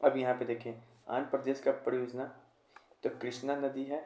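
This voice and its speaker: A man's voice: medium pitch, flat delivery, normal speed, warm tone, reverberant. A man teaching an exam-prep general knowledge lesson, repeating memory tricks and quizzing with rhetorical questions.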